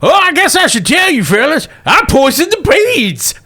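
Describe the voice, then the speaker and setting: A man's voice: very high-pitched, wildly swooping pitch, moderate pace, sharp tone, voice pushed up, full character voice. A man voicing a folksy old prospector camp cook in a tabletop role-playing game. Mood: sheepish.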